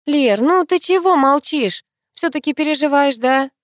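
A woman reading an audiobook, voicing a young female student who is a hesitant, soft-hearted friend. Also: high voice, lively intonation, normal speed, no room sound, studio quality, pitched above the performer's own voice. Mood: reasonable. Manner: sighing, hesitant, placating.

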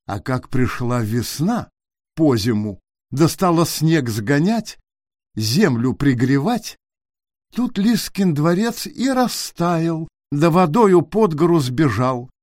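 A man narrating a folk tale in an expressive, sing-song storybook style. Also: a little high, takes it slowly, no echo, clean studio sound.

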